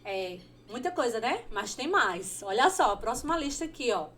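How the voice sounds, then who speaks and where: A Brazilian woman teaching a Spanish lesson, repeating each word slowly and checking in with short questions. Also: on the high side, sing-song, fairly bright tone, husky. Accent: Brazilian Portuguese. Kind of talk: online language lesson.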